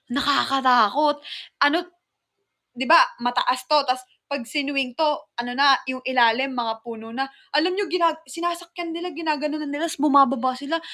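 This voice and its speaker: Bright, high-voiced woman streaming. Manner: chatty, mixes English and Tagalog, calls viewers "mahal"; animated storyteller, greets viewers mid-sentence. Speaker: live-stream host. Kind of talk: casual live-stream chat.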